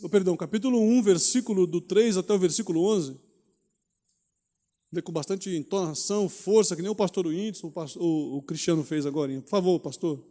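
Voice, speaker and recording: A pastor teaching a Bible study in a conversational preaching manner, often asking rhetorical questions. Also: male voice, high voice, mellow, in a large hall. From Brazil. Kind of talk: sermon teaching.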